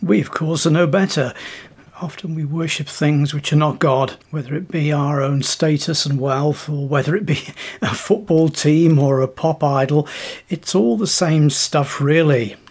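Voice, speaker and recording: A man preaching a devotional sermon in a calm, measured teaching tone. His voice is a little husky and sits slightly high for a man.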